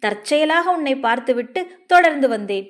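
A woman voicing a gentle, devoted young man who sings temple hymns and speaks in a soft, earnest way. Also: sits high, lively intonation, brisk. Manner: soft-spoken, calling out loudly at times.

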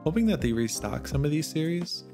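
Talking over music, a man with a rather high voice narrates his manga vlog about the books he got, very animated and brisk. He's chatty and enthusiastic, his voice a little worn, and he laughs softly.

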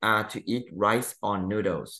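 A man with a fairly low voice walks through exam answers as an English teacher. He reads each English sentence out slowly, then explains it in a loose, chatty way. The room is echoey. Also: sharp tone.

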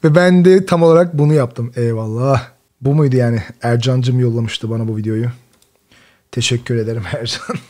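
A man in his thirties, a jiu-jitsu athlete hosting his own channel, reacting casually and telling a story, animated, laughing often and using slangy exclamations. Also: mid-range voice, normal speed.

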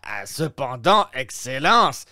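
A man reading aloud and voicing an excitable, flattering Italian innkeeper in a raised, exclamatory voice. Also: takes it slowly, dry recording, studio quality, heavily acted. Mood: eager. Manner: exclamatory, fawning, pitched high.

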